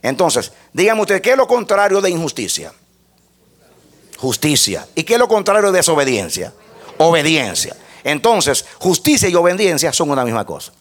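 A man's voice: a little high, big pitch swings, normal speed. A man preaching a sermon, teaching step by step and asking the congregation to repeat phrases after him. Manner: spells out points step by step like a lesson.

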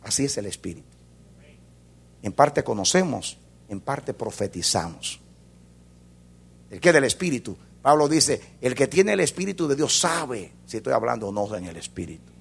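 A male pastor preaching with a gravelly, husky edge to his voice. His delivery swings between loud fervor and hushed intensity, and his pitch leaps all over the place as he drives each point home. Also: very animated, normal speed. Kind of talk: sermon.

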